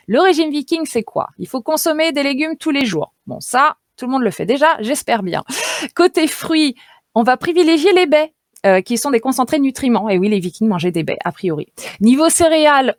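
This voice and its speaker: Bright-voiced French woman dietitian on radio. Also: fairly high pitch, dry recording, clean studio sound. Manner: chatty, playful, laughs easily, many fillers. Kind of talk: radio nutrition segment, lively explaining. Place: radio studio. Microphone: studio radio mic.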